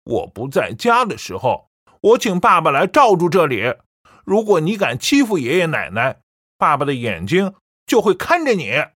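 A woman's voice: sits low, huge pitch swings, normal speed, a bit bright, dry recording, clean studio sound, heavily acted. A woman voicing a stubborn young man who talks back bluntly and coldly to his mother. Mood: defiant. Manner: blunt and cold.

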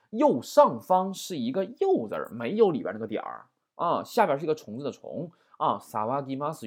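A man teaching a vocabulary lesson in a chatty way, often asking "right?". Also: medium pitch. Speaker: Japanese language teacher.

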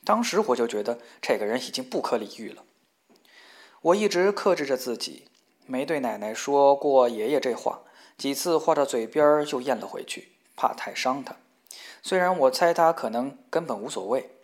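A man reading a personal letter aloud in a measured, reflective way that grows heated when recounting arguments. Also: medium pitch, lively intonation. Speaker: reader.

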